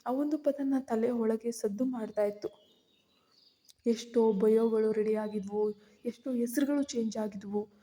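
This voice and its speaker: Female storyteller, tense and fearful first-person narration, soft dark tone. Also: on the high side, a little slow.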